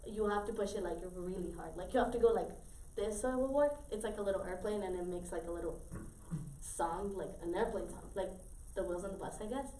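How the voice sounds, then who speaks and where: A teenage girl tells a story to her friends in a rambling way, full of fillers and restarts. She sits well back from the mic in a roomy space with faint noise behind her. Her pitch sits in a middle range. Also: brisk, dark tone, distant mic. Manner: rambling, many fillers and repeats. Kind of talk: casual storytelling among friends.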